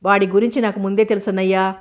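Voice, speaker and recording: A woman's voice: mid-range voice, little pitch movement, quick pace, lo-fi sound, lightly acted. A woman reading the lines of a grumbling young man, a younger brother in a storybook.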